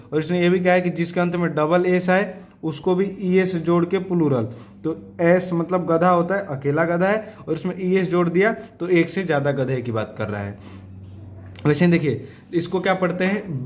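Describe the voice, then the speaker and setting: A man teaching a grammar lesson, asking questions and answering them himself, repeating key points and slowing down to spell out each rule. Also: a little high, slight background noise. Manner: slows down and stretches words when stating rules. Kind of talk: classroom lesson explaining rules.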